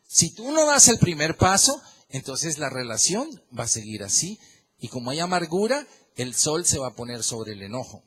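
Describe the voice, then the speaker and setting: A man preaching a sermon in church, swinging from loud emphatic questions to quiet prayerful tones. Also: on the high side, sing-song, moderate pace, breathy edge. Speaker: pastor.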